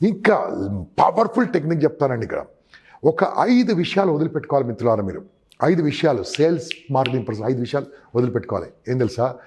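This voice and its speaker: A man's voice: mid-range voice, big pitch swings, quick pace, darkish tone, slightly rough. A man giving emphatic sales advice in an interview, often calling the listener boss and acting out customer exchanges. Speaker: sales trainer guest.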